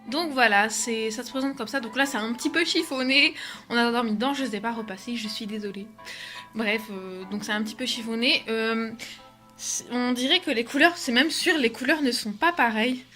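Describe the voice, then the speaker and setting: A woman's voice: a little high, moderate pace, pushed and bright, far from the mic. A young woman chatting to her phone camera in a bedroom, rambling with many fillers and a little out of breath. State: slightly out of breath. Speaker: beauty vlogger. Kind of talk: casual chat to camera. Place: bedroom with skylight, indoors. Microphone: phone camera, no tripod. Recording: echoey room, phone held away, music behind.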